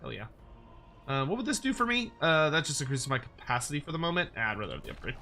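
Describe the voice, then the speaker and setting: A man's voice: a little high, very animated, quick pace, sharp tone, slight background noise. A man giving casual, playful game commentary with wry asides, as a streamer talking to viewers. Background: music behind the voice.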